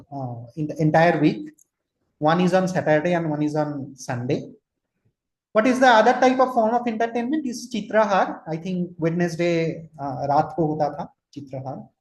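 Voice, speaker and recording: This lecturer and trainer, a man in his forties from Kolkata, speaks Indian English in an online class, quizzing his audience and switching into Hindi at times. He has a high-pitched voice with a darkish tone, heard in a roomy echo.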